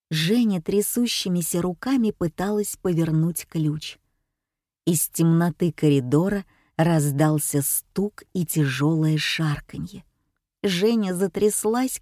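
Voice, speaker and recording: A woman's voice: fairly low pitch, dark tone, no echo, clean studio sound. A woman reading a story aloud, narrating an audiobook. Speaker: audiobook reader.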